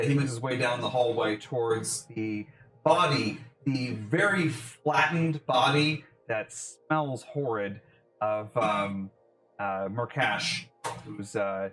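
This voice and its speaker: A man's voice: mid-range voice, a bit bright. Male game master narrating a tabletop game, meandering delivery, echoey room. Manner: rambling, filler-heavy narration.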